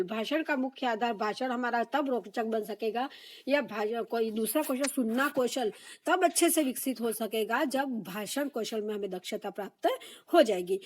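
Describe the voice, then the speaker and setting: High-voiced woman teaching Hindi exam prep. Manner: explains patiently, repeats key answers with rising emphasis; conversational, with "है ना" tag questions.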